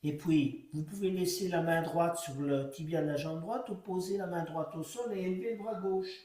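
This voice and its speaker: A man guiding a yoga class, giving slow, calm cues timed to the breath. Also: on the high side. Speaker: yoga teacher. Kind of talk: guided yoga class instruction. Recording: echoey room, voice from far off.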